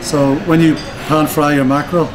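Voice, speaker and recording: A man's voice: fairly high pitch, level tone, moderate pace, crowd noise, poor audio. A man, a chef and restaurant owner raised in Donegal, explaining his dish in an easy, enthusiastic way. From born in Dublin, raised in Donegal, Ireland. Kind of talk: casual interview. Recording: clear background noise.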